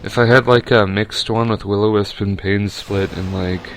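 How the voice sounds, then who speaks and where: A man's voice: on the low side, steady tone, normal speed, a little hiss or hum. A young man giving casual, rambling commentary over a video game battle, with lots of fillers and restarts.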